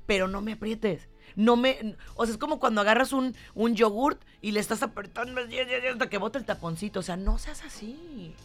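A woman's voice: a little high, moderate pace, faint music behind. A woman with a Mexican Spanish accent co-hosting a talk show, chatting casually and acting out quoted lines with animation. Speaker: radio show host.

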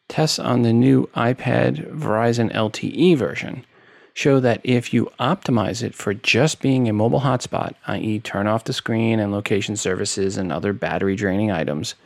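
A man's voice: fairly low pitch, moderate pace, vocal fry, no room sound. A man hosting a tech podcast, talking through the news in a casual, sarcastic, mocking way.

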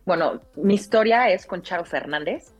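A woman's voice: fairly low pitch, moderate pace, faint music behind. Chatty Mexican woman telling a story. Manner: lively anecdotal telling, frequent "o sea" and "¿no?" tags. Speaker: radio announcer, guest. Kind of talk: casual interview storytelling.

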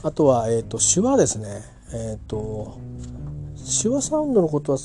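Rambling, chatty man with a mellow voice. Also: medium pitch, wildly swooping pitch, normal speed, soft background music. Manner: rambling, self-correcting, chatty with many fillers. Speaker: English pronunciation learner reviewing a book. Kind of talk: casual spoken book review.

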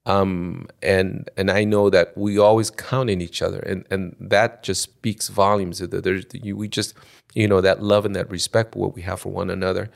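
Older man from ecuador, podcast guest, low gravelly voice, halting speech. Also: level tone. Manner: halting, restarts phrases often. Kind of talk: spontaneous conversation.

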